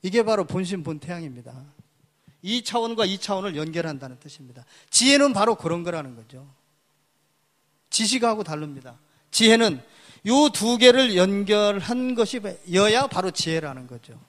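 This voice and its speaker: A man with a high voice delivers a public lecture, walking through each character piece by piece. He points at the board as he goes and often poses a question, then answers it himself. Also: sing-song, moderate pace, fairly bright tone. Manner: asks and answers his own questions.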